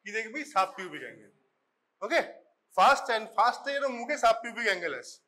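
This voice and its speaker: A man pitched high and speaking at a quick pace scolds and chats his way through an informal lesson for medical students in a college classroom. His Bengali accent comes through as he keeps switching into English mid-sentence, and his delivery is animated, pushed and bright.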